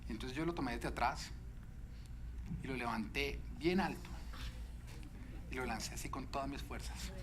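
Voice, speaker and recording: A man preaching a sermon as pastor, telling stories with lively shifts into quoted voices. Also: normal speed, long pauses, noisy background. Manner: animated storytelling, quoting a child in a high shouting voice.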